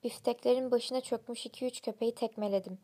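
A woman's voice: a little high, steady tone, fast, mellow. A woman reading a first-person story aloud, in blunt, slang-laden narration.

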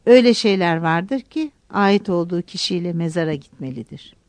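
A woman voicing an older female writer who speaks in a measured, gently firm way. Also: on the low side, lively intonation, dry recording, lightly acted.

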